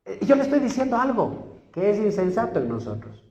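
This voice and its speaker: A male pastor with an Ecuadorian Spanish accent preaching a sermon, putting questions to the congregation and swinging between loud peaks and quiet asides. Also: high voice, very animated, fairly quick. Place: church. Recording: roomy church echo, slightly dull and noisy.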